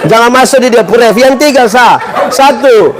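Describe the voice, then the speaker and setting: High-voiced preacher. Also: male voice, normal speed, a faint crowd. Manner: humorous, quizzes the congregation with call-and-response questions. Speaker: pastor. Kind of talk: live sermon. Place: church service. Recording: live church recording with congregation and room noise.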